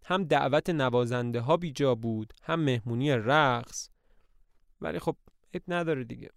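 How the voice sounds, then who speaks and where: A man's voice: medium pitch, gravelly, no echo, clean studio sound, close to an everyday voice. A man reading aloud voices an anxious aristocratic older woman who owns the estate, speaking in a plaintive, sighing way. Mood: worried.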